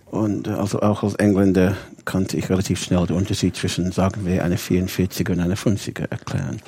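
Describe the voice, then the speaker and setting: A 59-year-old rabbi from Bradford, Yorkshire, England, with an English accent, speaks as an interview guest in a deep, mellow, slightly rough voice. He talks quickly with little pitch movement, recounting his story conversationally and in detail while sometimes searching for words.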